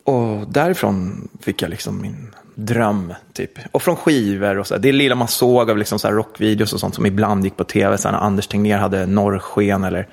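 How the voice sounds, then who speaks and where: A middle-aged man, a musician guest, chatting casually in an interview with lots of fillers and rambling asides. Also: creaky. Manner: rambling, many fillers, animated pitch jumps.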